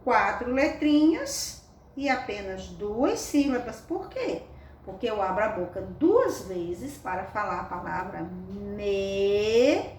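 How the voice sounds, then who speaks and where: Slow, echoey woman teaching children. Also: mid-range voice, very animated, a little mellow. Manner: affectionate, sing-song, coaxing questions to children. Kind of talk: slow, careful children's reading lesson. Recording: echoey room, mic at a distance, faint background noise.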